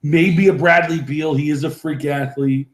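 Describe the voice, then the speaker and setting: Higher-voiced man debating sports, echoey room. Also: steady tone, normal speed, crowd noise. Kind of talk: casual sports debate about basketball. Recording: roomy echoing room sound.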